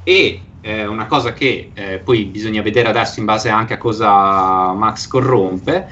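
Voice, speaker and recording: A man's voice: lowish voice, unhurried, sharp tone. Guy running a tabletop rpg, talks through the rules with lots of uh's, muffled lo-fi sound. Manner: explains rules patiently, many fillers. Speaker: game master. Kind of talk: narrating a tabletop horror game. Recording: dull lo-fi sound with faint noise.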